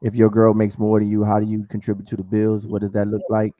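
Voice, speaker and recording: A man's voice: on the low side, completely flat delivery, fast talker, no echo, lo-fi sound. A man hosting an online dating show in a casual, informal way, often repeating his phrases. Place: online video call.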